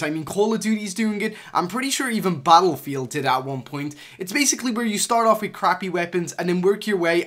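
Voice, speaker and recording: A man's voice: high voice, fairly bright tone. A young man casually talking through gaming news for his channel, chatty and rambling, with frequent fillers and restarts. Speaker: gaming YouTuber. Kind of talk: casual game news commentary.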